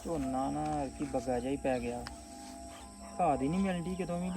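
A man's voice: medium pitch, fairly quick, music in the background, close to an everyday voice. A man playing a plain, matter-of-fact village farmer thinking aloud in a Punjabi web drama, with a Punjabi accent. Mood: musing. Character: matter-of-fact village farmer mulling over his crop.

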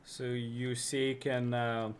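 A man streaming a video game with joking, excitable commentary. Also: medium pitch, slow pace, slight background noise. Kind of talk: gameplay commentary.

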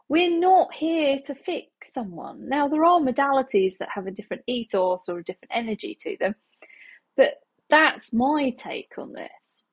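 A woman in her thirties talks straight to camera from a small living room, chatty and quick to laugh as she explains her view as a healing practitioner. Her voice sits a little high, swinging up and down with lively intonation, and carries a slightly husky edge. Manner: chatty, laughs often, gestures with hands. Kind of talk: casual talk to camera.

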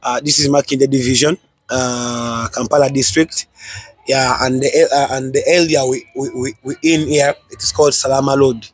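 A man's voice: mid-range voice, steady tone, moderate pace, slightly rough, dry recording. A young Ugandan man, a reggae musician, talking in a patois-flavoured way outdoors into a handheld mic, repeating phrases with rising energy. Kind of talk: casual interview talk. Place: outdoors by a dirt road in a residential area. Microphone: handheld mic held close.

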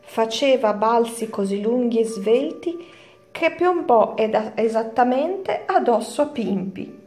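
A woman teacher reads a children's story aloud, slow and clear, her voice sitting a little high. The room is roomy and echoing. Soft music plays faintly behind her. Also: animated.

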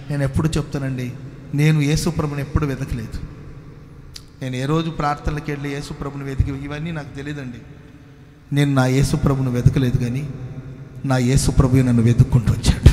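A male pastor from Karnataka giving a sermon testimony, moving from soft pleading to loud exclamations and calling for hallelujahs. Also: medium pitch. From Karnataka, India. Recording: echoey hall with faint noise.

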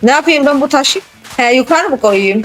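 A gaming channel host giving excitable, casual let's-play commentary, exclaiming and teasing a co-player. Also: sits high, normal speed, soft background music.

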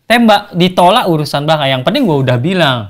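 Guy w a telling a story, voice jumps all over, super animated and slangy. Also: fast. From Lombok, Indonesia. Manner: animated, acts out quotes in a high voice, loose slang. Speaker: guest, YouTuber living in Japan. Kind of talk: casual chat, storytelling.

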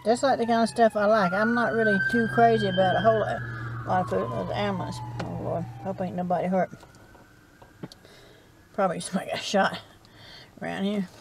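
A woman's voice: mid-range voice, fairly even intonation, a little fast, creaky, pauses often, noisy background. A middle-aged woman with a Southern US accent, chatting in a rambling, folksy way as she eats in her parked car at night, recorded on a dashboard camera. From South Carolina. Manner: rambling, folksy, chats while eating. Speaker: vlogger. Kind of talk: casual chat.

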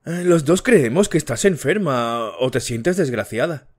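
A man voicing an earnest young woman asking gentle, probing questions, in an audiobook. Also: on the high side, expressive, moderate pace, pitched above the performer's own voice.

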